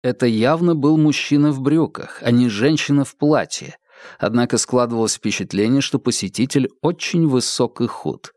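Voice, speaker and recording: A man narrating an audiobook in a measured, even reading. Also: mid-range voice, no room sound, studio quality. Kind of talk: scripted narration.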